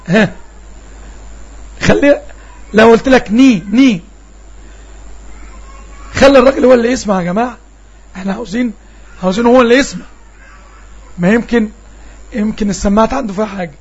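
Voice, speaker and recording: A man's voice: sits high, slightly rough, dull audio. A man with an Egyptian Arabic accent teaches an online Arabic lesson, patiently repeating sounds and quizzing his students.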